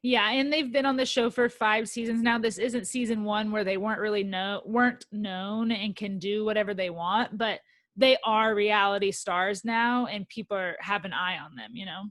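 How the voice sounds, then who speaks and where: A young woman co-hosting a podcast, chatting excitedly about reality TV with lots of "like" and "um". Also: medium pitch, normal speed, no echo. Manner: chatty, excitable, says "like" and "um" often. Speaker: podcast co-host. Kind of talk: casual chat about reality TV.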